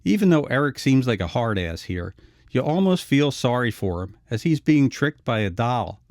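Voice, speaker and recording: A man's voice: mid-range voice, very animated, moderate pace, darkish tone, no room sound, studio quality. A man narrating a scripted retrospective video essay.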